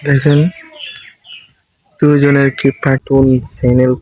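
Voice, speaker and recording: A shy man talks quietly as he films crops and trees outdoors on his phone. His delivery stays almost completely flat, with barely any rise or fall, and there is a faint hiss behind him. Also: mid-range voice, unhurried, highs cut off. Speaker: farming vlogger, new content creator. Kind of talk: casual walking tour narration.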